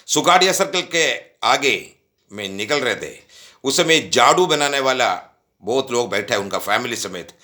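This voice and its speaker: A man giving a devotional message as a story, talking straight to young listeners and acting out the lines of the people in it. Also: mid-range voice. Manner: animated, acts out quoted dialogue; addresses young listeners directly.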